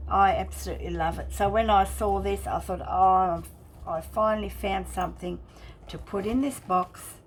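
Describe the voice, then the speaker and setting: A woman hosting a craft channel, talking casually and haltingly as she explains and shows each detail in a chatty walkthrough. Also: mid-range voice, creaky, a little hiss or hum, low-quality recording. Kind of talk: casual craft flip-through narration.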